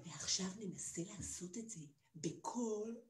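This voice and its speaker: A woman performing for children, singing and talking playfully and coaxing the kids to join in. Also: mid-range voice. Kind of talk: sung and spoken children's show. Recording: echoey room with soft guitar. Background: guitar.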